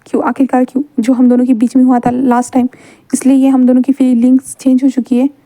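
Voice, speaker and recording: A woman's voice: sits high, monotone, fast, dark tone, no room sound. A woman voicing an earnest male teacher in a fan story read aloud. He insists and repeats his declarations. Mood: insistent.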